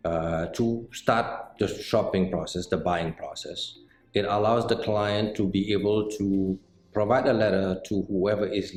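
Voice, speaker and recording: A middle-aged man from Senegal, a mortgage banker answering interview questions in a measured, explanatory way with frequent pauses. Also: lowish voice, a little mellow. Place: indoor office set with bookshelves. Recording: roomy indoor sound with faint music.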